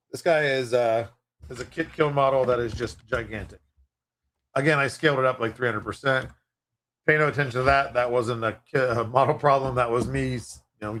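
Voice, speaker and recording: A man's voice: medium pitch, fairly bright tone. A man hosting a livestream giveaway, announcing in a casual, chatty, unpolished and self-deprecating way.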